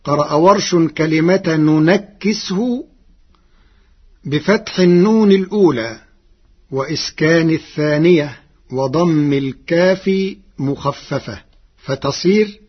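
Male recitation teacher, scripted explanatory read, very slow and precise, slightly high husky voice. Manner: formal, measured and precise. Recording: dull lo-fi recording.

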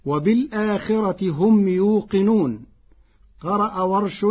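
A man teaching Quran recitation readings in a measured way, slowing down to recite each example word. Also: high voice, slightly rough, muffled recording.

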